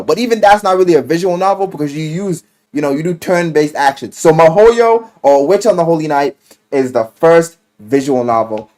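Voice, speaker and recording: Music runs under this YouTuber's casual, rambling take on a visual novel, delivered loosely scripted and full of emphatic slang and profanity. His voice is a little high but darkish in tone.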